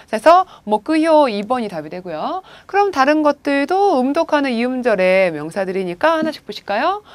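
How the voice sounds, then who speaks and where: A woman lectures in a higher voice with a lively, swooping pitch. She keeps students moving with frequent prompts and questions. The sound is dry and close to the mic. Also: no echo. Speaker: Japanese language teacher. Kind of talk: recorded video lecture.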